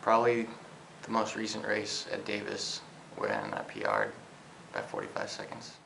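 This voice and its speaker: A young man of 21 with a heavily gravelly, fry-filled voice answers briefly and matter-of-factly. His voice sits on the low side. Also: big pitch swings, normal speed, pushed and bright, slight background noise, low-quality recording. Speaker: college cross-country runner. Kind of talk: casual interview answers.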